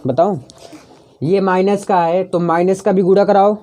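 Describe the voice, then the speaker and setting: A man's voice: sits high, steady tone, a little slow, mellow. A man teaching a maths lesson as a tutorial, coaxing students along, repeating each step and asking rhetorical questions that he answers himself. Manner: coaxing, repeats steps to drive them home. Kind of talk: chalk-and-talk tutorial explanation.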